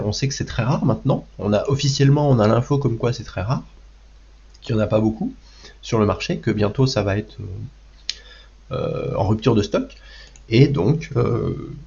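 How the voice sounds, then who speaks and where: A man's voice: medium pitch, mellow, slightly rough, highs cut off. A man with a cold hosting a card game video in casual commentary, hesitant with many restarts and fillers. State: has a cold.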